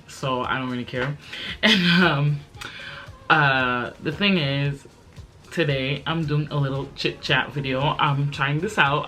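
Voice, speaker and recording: A Belgian-raised woman in her twenties, a YouTuber, rambles casually to the camera with lots of fillers in a chit-chat vlog. Her voice sits low and has a sharp tone.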